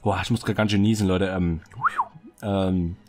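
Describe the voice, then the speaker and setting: A young man with a cold tours his Minecraft server city, clearing his throat now and then. His low voice moves at a normal speed, and his casual commentary is excited, fidgety and rambling with many fillers, set over soft background music.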